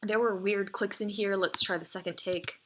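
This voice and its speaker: A woman's voice: medium pitch, steady tone, normal speed, a bit bright. A woman walks through editing her voice recordings step by step, explaining each click and rereading sentences she wants to fix. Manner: explains each step aloud, then reads test takes. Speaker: audio editing tutor. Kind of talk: screen-recorded software tutorial. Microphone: desk mic, then a quieter built-in mic.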